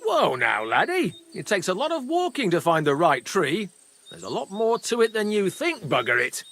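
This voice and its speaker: A man voicing a gruff, folksy medieval axeman in a video game, grumbling and quick to take offence. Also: high voice, wildly swooping pitch, a bit bright, full character voice. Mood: defensive, agitated. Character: gruff, touchy travelling medieval axeman, boastful but wary. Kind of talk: video game character dialogue.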